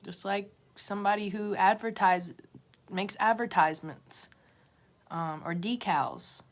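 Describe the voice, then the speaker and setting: A woman tarot reader giving an emotional motivational pep talk to viewers on a livestream, repeating herself and swinging between loud urging and a hushed near-whisper. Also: medium pitch, a little slow. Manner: repetitive, direct address to viewers.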